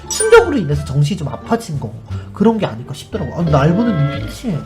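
A woman's voice: fairly low pitch, huge pitch swings, quick pace. A woman hosting a live stream, chatting casually as she tells a story and acts out the people in it. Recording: music under the voice. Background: background music.

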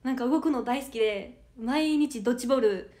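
A giggly young woman in her early twenties with a soft Kansai lilt chats on her livestream. Her voice sits high and bright with youthful energy, and she breaks into laughter between reading fans' comments aloud. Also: brisk. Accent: Kansai Japanese. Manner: bubbly and giggly, with frequent laughter. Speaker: idol audition candidate livestreaming. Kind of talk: casual livestream chat reading viewer comments.

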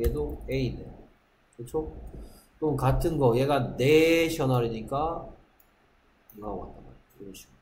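A middle-aged man's slightly mellow, mid-range voice leads a middle school English vocabulary lecture, repeating each word and asking rhetorical questions. There's a bit of background noise, and the classroom sounds echoey with faint ambience.

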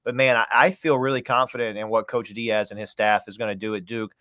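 A man in his thirties, a sports play-by-play announcer, appears as a podcast guest in a sports interview over a video call from a small home room. His voice is on the low side and fairly bright, with fairly even intonation and a brisk pace, and he sounds folksy and emphatic, repeating phrases for stress. The audio is clean studio-quality with no room sound.

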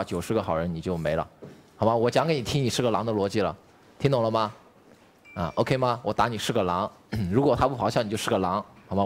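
A man playing in a werewolf game show, joking then laying out his reasoning step by step. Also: lowish voice. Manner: joking, lays out logic step by step. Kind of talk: game-table speech.

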